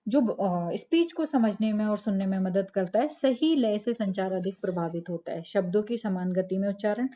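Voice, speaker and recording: Woman teacher, classroom lecture, explanatory, rhetorical questions, mid pitch, slightly muffled recording. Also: moderate pace. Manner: explanatory, frequent "ठीक है" checks, rhetorical questions.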